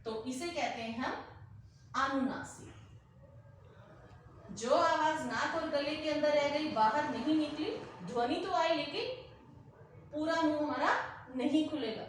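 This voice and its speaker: A woman teacher explaining a grammar lesson slowly, repeating example words aloud to demonstrate. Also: high-pitched, a little hiss or hum. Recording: very echoey room, heard from a distance.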